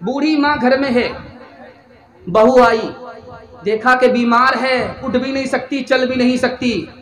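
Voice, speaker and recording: A man preaching an impassioned sermon, rising to shouts. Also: very high voice, slow pace, some chatter behind. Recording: echoey hall.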